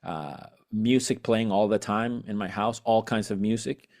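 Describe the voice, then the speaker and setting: A man's voice: fairly low pitch, normal speed, a little mellow. A man from Venezuela, a musician guest on a podcast, chatting eagerly and rambling with many fillers and restarts. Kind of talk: casual interview chat.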